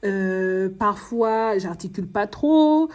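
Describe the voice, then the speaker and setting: A woman from Martinique with a Martinican French accent hosts a personal podcast, sounding worn out. Her voice is warm and dark, and she talks fast, often restarting her sentences and softening her R sounds. She speaks in a confiding way, straight to one listener. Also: medium pitch, expressive. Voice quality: fast, stumbling speech with dropped R sounds. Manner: frequent restarts and fillers, confiding tone. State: exhausted. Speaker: podcast host.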